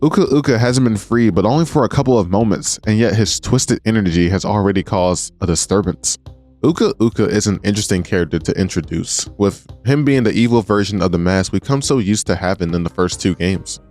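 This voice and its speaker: A man's voice: fairly low pitch, a little fast, darkish tone. A man narrating a scripted video essay with earnest, appreciative commentary. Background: music.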